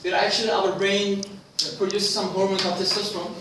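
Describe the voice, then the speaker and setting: A young man in his 20s from Pakistan, speaking for a club, delivers a prepared personal speech in a high-pitched, level voice at a fairly quick pace. He asks the audience questions and restarts phrases along the way. The recording comes from a very echoey club meeting room through a distant mic, with background noise.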